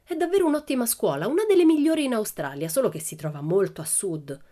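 A woman reading aloud who voices a cheeky, boastful little girl spinning tall tales in a playful, bright way. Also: fairly high pitch, very animated, fast, voice pushed up. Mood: playful boasting.

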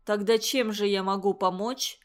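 A woman reading the lines of a grieving middle-aged male village doctor, speaking in pained, halting phrases. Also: medium pitch, steady tone, clean tone, close to an everyday voice. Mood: irritable.

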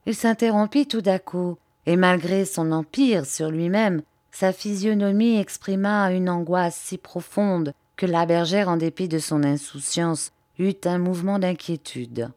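A woman narrating a novel as an audiobook reader, in a steady storytelling manner. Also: lowish voice, measured pace, few pauses, dry recording, studio quality. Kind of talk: scripted narration.

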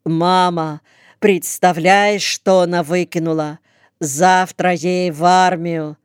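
A woman's voice: on the low side, steady tone, slow pace, clean tone, dry recording, studio quality. A woman reading the lines of a hot-tempered young male soldier back from the front, in a curt, commanding tone. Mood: gruff.

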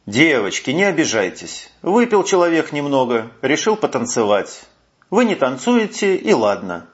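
Male reader as a soft-spoken coaxing captain, friendly, dull lo-fi sound. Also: a little high, sing-song, normal speed. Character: placating male army captain, middle-aged. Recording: muffled lo-fi audio.

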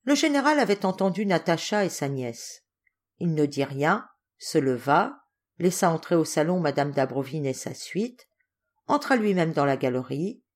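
A woman reading a classic novel aloud as audiobook narrator, in a steady, measured way. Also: deep voice. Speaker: audiobook reader. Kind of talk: scripted narration.

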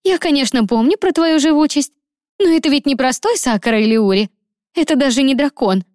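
A woman voicing an anxious, protective young woman, speaking high and worried, recorded dry and close. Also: animated, a little mellow, no echo. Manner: high, worried and quick to object.

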